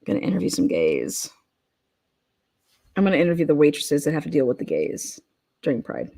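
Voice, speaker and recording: Deep-voiced lady youtuber chatting live, brash, sweary, gets worked up easily. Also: very animated, brisk, vocal fry, mellow. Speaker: livestream host, YouTuber. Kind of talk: casual live commentary.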